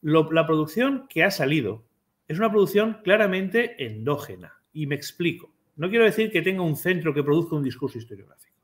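Man, academic seminar talk, outspoken, impassioned, fairly high-pitched. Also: animated, brisk. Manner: impassioned, outspoken, with frequent restarts. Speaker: historian speaking at a seminar.

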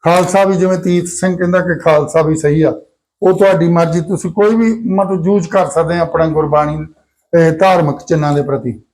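ਇੱਕ ਪੁਰਸ਼ ਅਧਿਆਪਕ ਕਲਾਸ ਨੂੰ ਗੁਰਮੁਖੀ ਅੱਖਰ ਸਿਖਾਉਂਦਾ ਹੈ, ਧੀਰਜ ਨਾਲ ਅੱਖਰ ਦੁਹਰਾਉਂਦਾ ਹੈ ਅਤੇ ਬੱਚਿਆਂ ਤੋਂ ਜਵਾਬ ਬੁਲਵਾਉਂਦਾ ਹੈ।. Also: male voice, a little high, steady tone, brisk, a little mellow, rough recording. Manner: patient, repeats letters and prompts pupils to answer. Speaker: Punjabi alphabet teacher. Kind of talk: classroom lesson with call-and-response.

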